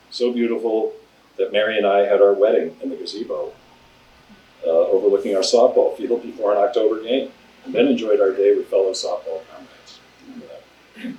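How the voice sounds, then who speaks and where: Man, reads letter aloud, lowish voice, distant, roomy. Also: darkish tone. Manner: reads steadily, with laughing asides. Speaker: reader at memorial.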